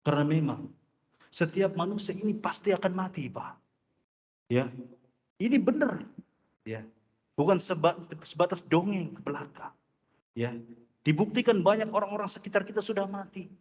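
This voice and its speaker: A man's voice: fairly high pitch, darkish tone. A man with an Indonesian accent preaching a sermon in a mosque, telling the story dramatically and acting out the quoted voices. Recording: long hall reverb.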